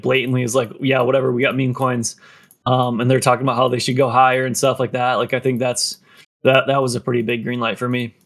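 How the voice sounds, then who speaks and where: A man's voice: medium pitch, fairly bright tone. A man talking in a casual podcast, rambling and filling his speech with "like" and "um", somewhat out of breath. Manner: rambling, heavy use of "like" and "um". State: running out of breath.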